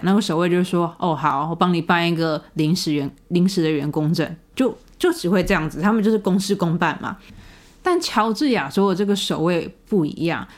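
A woman hosting a podcast, telling a story in a chatty, casual monologue with many fillers. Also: fairly low pitch. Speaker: podcast host.

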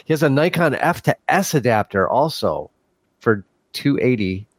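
A man's voice: mid-range voice, animated, moderate pace, no echo. A man hosting a podcast in casual chat, telling stories with frequent laughs and fillers. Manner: chatty storyteller, laughs often, many fillers. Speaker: podcast host.

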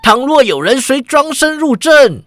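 A man voicing a brash villain who yells threats. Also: very high voice, sing-song, a little slow, no echo, voice pushed up, heavily acted. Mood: threatening. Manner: shouting, bullying.

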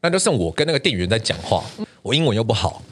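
A man, co-hosting a casual podcast and telling animated stories with plenty of swearing and loud laughs. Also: on the low side, quick pace, a little hiss or hum. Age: 30s. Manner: animated storytelling, swears often, big laughs. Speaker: podcast co-host.

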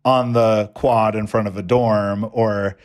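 A man's voice: on the low side, slow. Earnest man organizing young voters. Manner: earnest, energetic advocacy. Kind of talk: interview answers.

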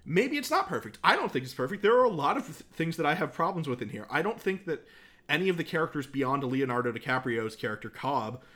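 Animated man talking movies. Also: on the high side, fast. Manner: enthusiastic, opinionated, lively, fond of film trivia. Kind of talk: casual film discussion.

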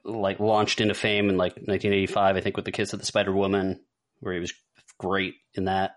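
Speaking fairly quickly in a low, flat voice, this podcast co-host ranks films in a casual chat, wandering off into rambling asides.

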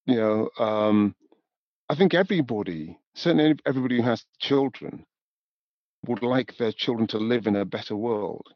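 A man in his seventies, born in Newcastle in the north of England, speaks in a lowish, expressive voice on a dry, dull recording with no echo. He's a music industry professional appearing as a podcast guest, reflecting in an interview conversation. He sounds thoughtful and measured, saying "you know" again and again.

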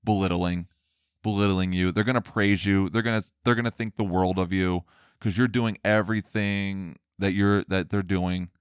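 A man speaking earnestly in a casual monologue about men's feelings, sometimes mimicking others in a higher voice. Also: flat delivery, moderate pace, smooth, no room sound, studio quality. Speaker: speaker on men's emotional health.

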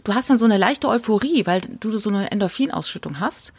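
A woman co-hosting a casual podcast, telling an animated personal story and acting out her own thoughts. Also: medium pitch, brisk, slightly rough. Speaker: podcast co-host.

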